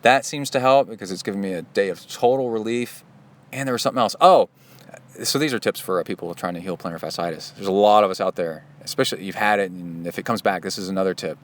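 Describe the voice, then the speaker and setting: Speaking fast in a deep voice, a middle-aged triathlon coach hosts an outdoor podcast from a park. His monologue is casual and wandering, full of chatty jokes on the side.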